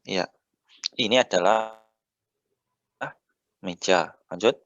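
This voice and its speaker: An Indonesian man teaching Arabic patiently, often saying "ya" and drawing out the vowel endings slowly. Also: sits low, fairly bright tone, no echo, highs cut off. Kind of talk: relaxed teaching.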